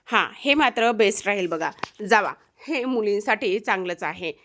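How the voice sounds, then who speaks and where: A woman's voice: mid-range voice, animated, moderate pace, fairly bright tone, slight background noise, natural voice. A woman voicing an old-fashioned male village tutor who speaks in a matter-of-fact, deferential way. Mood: lecturing.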